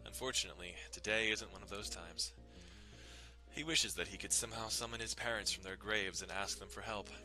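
This rough recording features a young man reading a visual novel dramatically over music, mixing narration with casual, irreverent asides. His voice is lowish and sharp, and his pace brisk.

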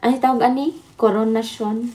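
A woman hosts a casual livestream, chatting and laughing with viewers while switching between Tagalog and Visayan. Her voice is on the high side and warm, with fairly even intonation and a brisk pace.

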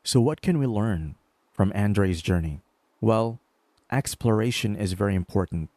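Male voice-over narrator, dark and dry, measured scripted delivery. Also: lowish voice, animated, dry recording.

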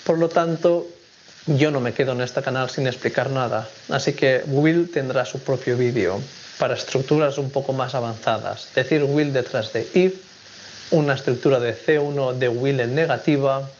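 A man's voice: mid-range voice, a little mellow, a little hiss or hum. Man teaching English on dull video audio. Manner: clear, measured explanations with slow English examples. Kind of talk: recorded video lesson.

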